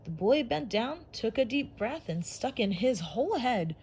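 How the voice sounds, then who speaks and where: A woman reading a rhyming picture book aloud for children, with a steady storytelling rhythm. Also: on the high side, unhurried, slight background noise. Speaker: storybook reader.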